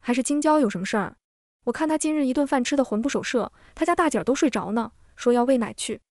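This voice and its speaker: A woman voicing a sharp-tongued mother. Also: high voice, lively intonation, quick pace, dry recording, clean studio sound. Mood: puzzled. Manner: teasing, inquisitive. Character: sharp-tongued middle-aged mother, a doctor.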